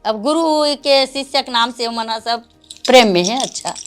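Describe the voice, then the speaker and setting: A woman's voice: fairly high pitch, measured pace, a bit bright, slight background noise. An older woman with a Chhattisgarhi accent, a folk singer talking unhurriedly in an interview, laughing often. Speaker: Bharthari folk singer, guest. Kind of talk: casual interview talk.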